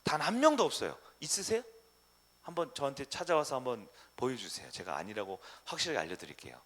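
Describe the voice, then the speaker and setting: Animated preacher man, lively pitch. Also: fast. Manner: animated, asks the congregation questions, swings from loud to hushed. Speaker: pastor. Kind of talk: sermon. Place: church sanctuary.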